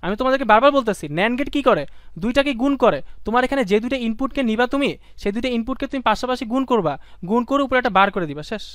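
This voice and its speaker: A young man teaches a live online class at a quick clip, his voice pitched high and clear. He keeps repeating himself and asks the students rhetorical questions as he urges them on. The sound is dry and close to the mic. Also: lively intonation, a bit bright, no room sound.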